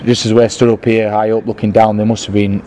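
A man's voice: lowish voice, level tone, fast, warm tone, a little hiss or hum. A football manager giving a proud post-match interview, restarting his sentences often. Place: football stadium.

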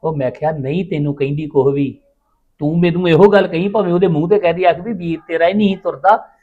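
Man, gruff farmer husband, defensive, dull lo-fi sound. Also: a little high, fast talker. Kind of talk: village drama acting.

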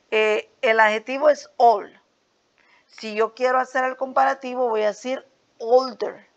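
A woman with a slightly high voice walks her students through a grammar worksheet in a patient, repetitive teaching manner. She keeps checking their understanding as she goes. The recording sounds dull and lo-fi. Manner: patient, repeats "¿ok?" and "¿verdad?" often. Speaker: English teacher.

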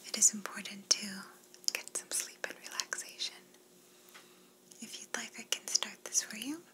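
A young woman in a whispered role-play plays an attentive, courteous flight attendant, politely offering service in a soothing way. Her medium-pitched voice is pushed and bright, at a normal speed.

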